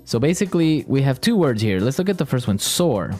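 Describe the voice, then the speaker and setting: A man's voice: medium pitch, very animated, a little fast, darkish tone, soft background music. A man teaching vocabulary conversationally, repeating key words and checking with short questions. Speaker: host and English teacher.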